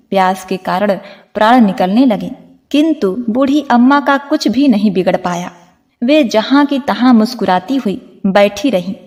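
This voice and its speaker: A woman recounts a devotional tale, calling her listeners devotees. Her voice sits a little high and is gentle and reverent. A long reverb trails behind her words. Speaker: storyteller. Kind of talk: devotional story narration.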